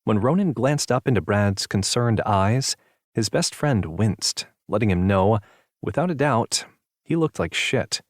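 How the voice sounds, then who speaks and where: A man narrating a romance audiobook in a steady, even storytelling manner. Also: lowish voice, measured pace, no echo, studio quality. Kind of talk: scripted narration.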